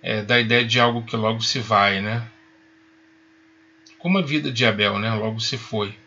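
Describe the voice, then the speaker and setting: A man teaching a Hebrew lesson, patient and reassuring, spelling out each sound slowly. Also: on the low side, pushed and bright, dull audio. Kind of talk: recorded online lesson.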